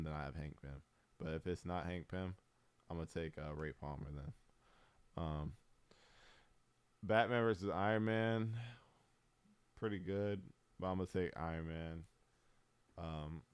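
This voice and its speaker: Male streamer, relaxed rambling delivery, very deep and smooth, dry close mic. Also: no room sound. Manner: laid-back, rambling, frequent "um" and slang. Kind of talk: casual tier-list commentary.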